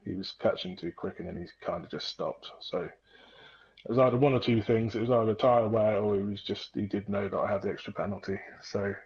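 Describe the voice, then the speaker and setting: Lowish male voice on dull audio. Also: fairly even intonation, a little fast, creaky, a little mellow. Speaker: racing driver being interviewed. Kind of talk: casual post-race interview. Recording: dull lo-fi voice chat.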